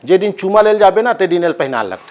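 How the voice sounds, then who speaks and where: Man, Chhattisgarhi accent, high-pitched, classroom teacher, repeats lists in a chant, jokes between. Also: big pitch swings, fast, highs cut off. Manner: drills students with chanted repetition and joking asides. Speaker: coaching teacher. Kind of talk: live classroom lecture.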